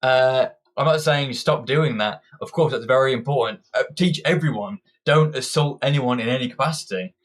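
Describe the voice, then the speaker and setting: A mid-range voice at normal speed, with few pauses, carries this young man's opinionated political rant. He's a British commentator, combative in tone, and often begins his sentences again partway through.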